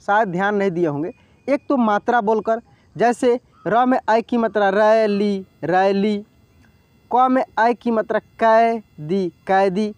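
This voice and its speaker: A man's voice: sits high, a little mellow, dry recording. Guy teaching reading online, sounds out words bit by bit, patient, dry close mic. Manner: patient, spells words out slowly syllable by syllable.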